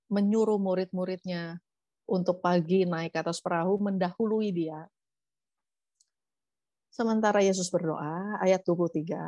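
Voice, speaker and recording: A woman pastor preaches in a casual, chatty way, lively and conversational. Her voice sits at a middle pitch. The recording is dry and close. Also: dry recording. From Indonesia. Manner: chatty, lively, acts out quotes. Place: church.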